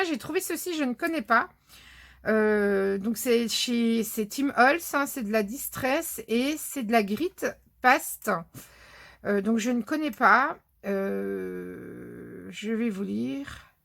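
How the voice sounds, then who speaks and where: A woman's voice: fairly high pitch, creaky. A woman from France chatting casually through a scrapbooking haul, narrating items with many fillers as she thinks aloud. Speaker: scrapbooking vlogger.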